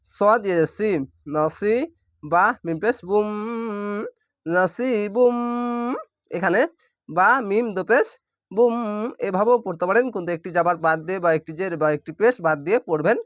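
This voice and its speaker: A man teaching Quran reading, spelling out each syllable plainly and drawing out the recited words slowly. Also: high voice, fairly bright tone, dry recording, studio quality.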